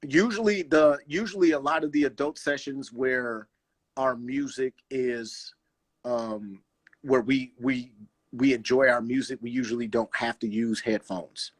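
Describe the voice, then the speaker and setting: Animated man, casual talk. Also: mid-range voice, unhurried, breathy edge. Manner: animated, loose slang, restarts often, says "you know what I'm saying". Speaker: guest roller skater. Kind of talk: casual conversation.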